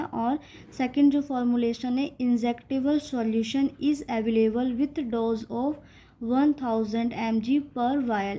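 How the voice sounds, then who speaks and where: An Indian woman lecturing on pharmacy in a slow, deliberate voice that is a little higher than most. She reads each point carefully, then explains it in a quick Hindi aside. Her tone is mellow, and the recording sounds dull and lo-fi. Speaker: pharmacy teacher. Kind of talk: classroom lecture. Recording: dull lo-fi audio.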